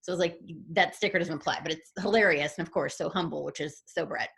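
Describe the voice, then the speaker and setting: A woman, hosting a casual interview and telling an animated story, acting out quotes with gushing energy. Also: low-pitched, fast talker, gravelly. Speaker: podcast host.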